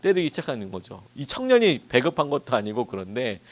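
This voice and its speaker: Man, pastor, dawn-service sermon, conversational storytelling, animated pitch. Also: fast talker. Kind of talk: sermon at a dawn prayer meeting.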